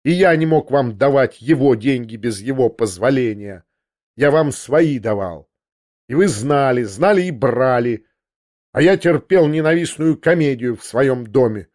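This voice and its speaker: A man's voice: medium pitch, expressive, a little slow, darkish tone, close to an everyday voice. A man voicing an arrogant aristocratic prince in an audiobook, speaking with cutting contempt and mockery. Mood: contemptuous. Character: arrogant aristocratic prince, scornful, pacing in anger. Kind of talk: audiobook character reading.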